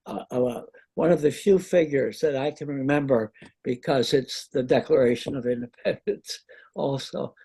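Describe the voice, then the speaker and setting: A man leading a seminar discussion, wry and halting, with many restarts. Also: medium pitch, warm tone, slight background noise. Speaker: discussion leader.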